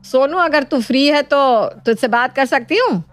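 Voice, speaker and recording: A woman's voice: high-pitched, animated, unhurried, faint music behind, voice pushed up. A woman voicing a stern, caring older mother-in-law in a cartoon story, commanding and scolding. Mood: coaxing.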